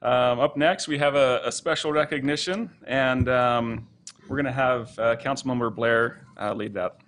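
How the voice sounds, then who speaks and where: Male meeting chair, mid pitch, informal halting remarks, slight background noise. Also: a bit bright. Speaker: council chair running the meeting.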